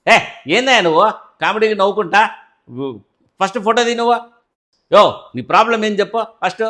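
A man's voice: sits high, brisk, bright, forceful tone. A young man in a comedy skit who scolds and snaps short-temperedly at another man. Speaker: comedy sketch actor playing a short husband.

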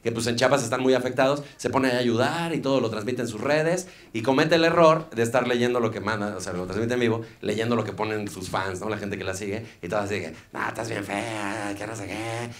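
Brief: Mexican male stand-up comic, mid-pitched, loose slangy delivery, mocking asides, handheld stage mic. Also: fast talker, few pauses. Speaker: stand-up comedian. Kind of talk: live stand-up set. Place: comedy club stage.

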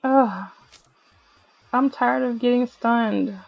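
A woman's voice: on the high side, takes it slowly, creaky, highs cut off, slight background noise. A young woman commentating her own video game play in a playful, dramatic way, with chants and squeals. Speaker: gaming video host.

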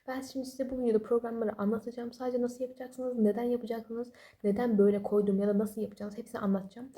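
Sleepy, fast-talking young woman vlogger. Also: on the high side, dark tone. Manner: rambling, apologetic, chatty with self-deprecating jokes. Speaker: study vlogger. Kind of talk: casual late-night study advice. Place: home at night while family sleeps. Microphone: no external microphone.

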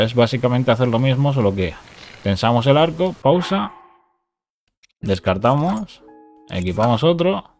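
Man narrating a game glitch. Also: mid-range voice. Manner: talks through steps, repeats short commands. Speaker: gaming youtuber. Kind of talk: casual game tutorial commentary.

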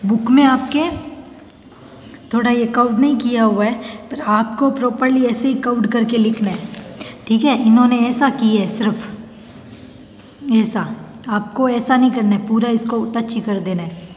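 A woman's voice: fairly high pitch, unhurried, pauses often, darkish tone. Woman, school teacher, recorded lesson for young pupils, repeats every word twice, faint hum behind. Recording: echoey room with long reverb, faint hum.

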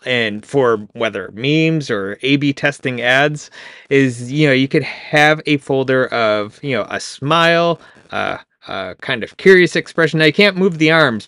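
A man hosting a casual software tutorial, talking in a relaxed way with frequent chuckles and fillers. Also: medium pitch, no room sound, clean studio sound. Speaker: tutorial host.

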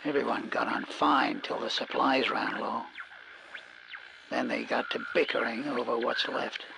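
An actor voices Rusty, a folksy, jittery American survivor stranded among the undead in a video game cutscene, speaking over a two-way radio. His male voice is mid-range, gravelly, and fairly even, at a measured pace, with a somber, wistful mood. He stammers and uses drawling, homespun small-town phrasing, heard through a noisy walkie-talkie transmission.

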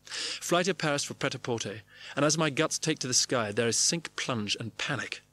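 A man's voice: medium pitch, animated, normal speed, bright, forceful tone. A man narrating his own diary entries in clipped, wry phrases. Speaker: narrator reading his diaries. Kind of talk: scripted memoir narration.

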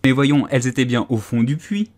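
A man's voice: medium pitch, a little fast, natural voice. A man voicing a polite, curious young girl in a storybook, earnest and a little pleading.

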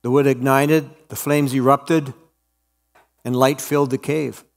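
Male pastor, slow and expressive sermon storyteller. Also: mid-range voice, gravelly, long reverb tail.

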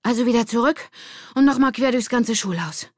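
A bold, quick-tempered schoolgirl who runs her own little gang, as a woman reader puts her on. She talks eagerly, in a voice pitched higher than the narration, and gets loud fast when something upsets her. The audiobook has a close, dry sound. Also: expressive, no echo.

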